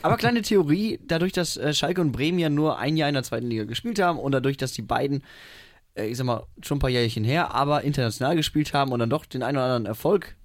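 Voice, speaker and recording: A man's voice: medium pitch, quick pace, dry recording. A man co-hosting a podcast in casual chat, reeling off numbers and dropping dry jokes. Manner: dry joking, reels off stats. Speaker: podcast co-host.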